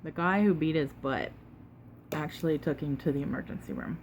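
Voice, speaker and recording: A woman's voice: low-pitched, a little mellow. Woman chatting with mouth full, noisy room. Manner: talks with mouth full at times, pausing to chew; unhurried, conversational, emphatic retelling with quoted exchanges. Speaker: mukbang vlogger. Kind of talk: casual storytelling while eating.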